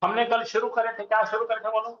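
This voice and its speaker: A man's voice: sits high, monotone, fast talker, fairly bright tone. A man teaching Arabic grammar to a class. He quizzes the students with call-and-response questions and chants verb conjugations in rhythmic lists. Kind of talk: classroom lecture. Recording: roomy, dull lo-fi classroom recording.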